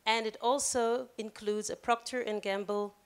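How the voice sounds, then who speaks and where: A woman's voice: fairly high pitch, fairly even intonation, normal speed. A woman hosting an event, announcing prize winners in an upbeat, chatty way. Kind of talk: ceremony announcing.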